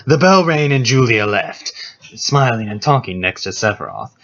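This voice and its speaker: A man's voice: mid-range voice, animated, normal speed, fairly bright tone. A man narrating a mock dramatic reading with sarcastic, theatrical commentary. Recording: dull lo-fi recording.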